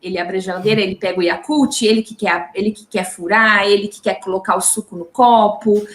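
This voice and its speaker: A Brazilian woman, a mother, talking in a casual interview with halting speech and many restarts. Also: medium pitch, fairly even intonation, reverberant. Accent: Brazilian Portuguese. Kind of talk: casual video call interview. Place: home.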